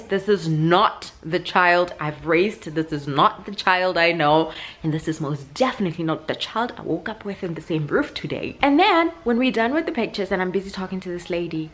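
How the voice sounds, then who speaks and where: Exasperated South African mom vlogger. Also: female voice, fairly low pitch. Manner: animated, exasperated retelling with quoted asides. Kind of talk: casual storytelling vlog.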